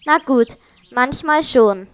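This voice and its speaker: Woman, storyteller, smooth clear voice, slow, children's tale. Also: high-pitched, expressive.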